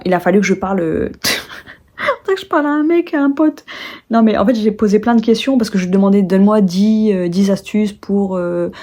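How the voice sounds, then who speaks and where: A woman's voice: mid-range voice, mellow. Rambling young French woman vlogging. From France. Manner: rambling, many fillers and restarts, self-correcting. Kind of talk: casual chat to camera.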